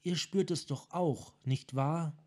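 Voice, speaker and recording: A man voicing a calm, wise female monk who leads her clan, speaking softly and with measure, in a fan audiobook reading. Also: a little high. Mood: serene. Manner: soft, measured.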